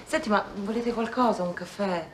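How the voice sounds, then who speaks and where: An actress playing a gentle, grateful expectant mother, speaking softly. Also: medium pitch, moderate pace, a little hiss or hum, lightly acted. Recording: roomy, with music underscore.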